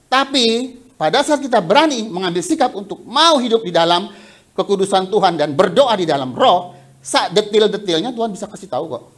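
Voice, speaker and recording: A man preaching a sermon. His voice sits high and swings widely in pitch. He talks in an animated, chatty way and often breaks into laughter. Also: a little fast. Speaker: pastor. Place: church sanctuary. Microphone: headset mic resting on the cheek.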